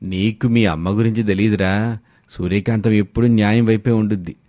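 A man voicing an older father-in-law who speaks calmly and slowly. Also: lowish voice, no room sound, clean studio sound, lightly acted. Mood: proud.

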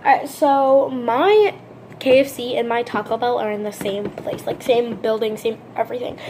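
A woman's voice: on the high side, moderate pace. Rambling young female vlogger, noisy recording. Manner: rambling, filler-heavy talk with lots of "like" and "um". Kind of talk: casual eating-show vlog.

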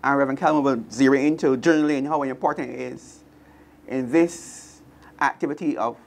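Unhurried teaching voice, repeating phrases. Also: mid-range voice, steady tone, gravelly. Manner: slow, repeats key phrases, pauses. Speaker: co-presenter. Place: television studio.

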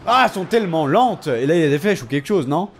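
A man's voice: on the high side, fast. A young man giving casual commentary over a mobile game. He teases his opponent as he plays, and his throat is sore and strained. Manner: animated, teasing, talks to his opponent. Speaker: gaming video creator. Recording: faint music underneath.

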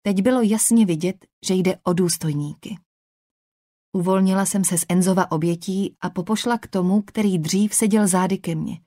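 A woman narrates a novel in the first person with a measured, even delivery. Her voice sits at a middle pitch and is recorded close and dry, with no room sound around it. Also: no echo. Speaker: audiobook narrator.

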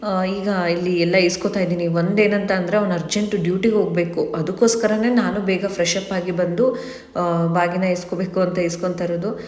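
A woman's voice: fairly low pitch, steady tone, a little fast, darkish tone. A woman in her thirties from Mysuru, telling chatty, rambling stories as a family vlogger. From Mysuru, India. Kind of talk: casual vlog narration. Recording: echoey, reverberant room.

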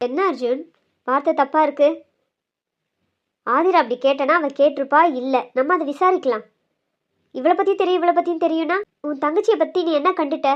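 A woman voicing a sharp-tongued older mother-in-law in a cartoon family drama, scolding and commanding. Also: high voice, a little fast, long pauses, voice pushed down, close to an everyday voice. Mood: stern, firm. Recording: dull lo-fi audio.

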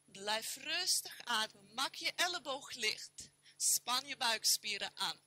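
A woman with a Dutch accent leading a yoga class, giving calm, steady cues timed to the breath. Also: a little high, slow. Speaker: yoga instructor. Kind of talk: guided yoga class instruction.

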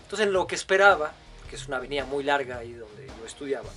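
A man's voice: medium pitch, lively intonation, fast talker, sharp tone, soft background music. A young man with a Mexican accent giving crude, joking, casual commentary on a video he is reacting to.

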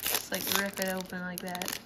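A woman chatting casually while opening trading card packs, breaking into high excited shrieks at big pulls. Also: normal speed, very noisy. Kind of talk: casual pack-opening commentary. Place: indoors at a table. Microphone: camera over hands, speaker off screen.

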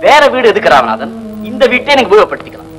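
A man's voice: high-pitched, big pitch swings, fast talker, low-quality recording. An actor in a 1960s Tamil film playing a generous wealthy man, speaking eagerly and insistently. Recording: old film soundtrack with faint music.

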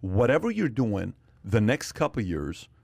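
A man's voice: fairly low pitch, wildly swooping pitch, moderate pace, gravelly, a little mellow, dry recording. A man in his forties hosting a podcast, talking emphatically and repeating phrases to drive his points home, recorded close on a studio mic. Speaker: podcast host. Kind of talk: animated casual discussion. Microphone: studio mic on boom arm, wearing headphones. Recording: dry close-miked studio sound.

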